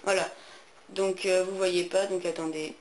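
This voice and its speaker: A man's voice: sits high, little pitch movement, measured pace. A teenage boy explaining console steps in a tutorial, speaking hesitantly with many fillers. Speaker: gaming tutorial maker. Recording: echoey room, faint noise.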